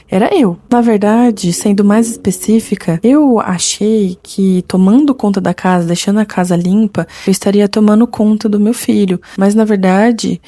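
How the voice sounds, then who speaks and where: A young Brazilian woman talks through a personal story in a candid, reflective way, dropping little check-in tags as she goes. Her voice is mellow and relaxed in tone. The sound is dry and close, with no room around it. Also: medium pitch, dry recording. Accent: Brazilian Portuguese. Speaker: podcast host. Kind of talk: personal confessional podcast talk.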